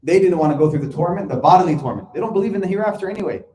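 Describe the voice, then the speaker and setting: Male religious lecturer, quick delivery, mellow tone, hammers each point by repeating it. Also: sits high, expressive. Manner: explains step by step, repeats points for emphasis. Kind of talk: Quran commentary lecture. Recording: echoey room.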